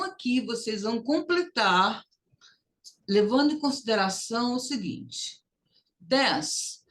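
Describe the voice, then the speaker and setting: A woman teacher leads an English lesson at an unhurried, deliberate pace. She stretches out each practice phrase so students can copy it, and her voice sits at an ordinary pitch for a woman. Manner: slow, drawn-out drilling of English phrases for students to repeat. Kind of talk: recorded classroom lesson.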